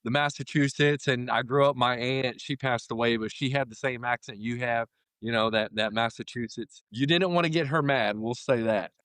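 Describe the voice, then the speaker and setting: Man, thirties, American accent, smooth clear tone, dry recording, informal rambling interview chat. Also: medium pitch, moderate pace, fairly bright tone, no echo. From Florida, United States. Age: 30s. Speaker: interview guest, union carpenter.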